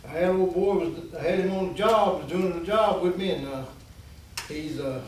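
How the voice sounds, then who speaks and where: A man's voice: high voice, normal speed, darkish tone. A man telling a long folksy story in a rambling way, acting out the voices of the people in it. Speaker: guest storyteller. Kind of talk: casual storytelling. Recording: very echoey room, distant mic, faint hiss.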